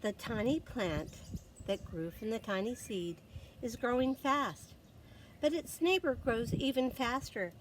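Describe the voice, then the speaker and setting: Female storyteller for young children: higher-pitched, very expressive read-aloud, faint background noise. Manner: expressive, dramatic pauses, gasps and exclamations for effect.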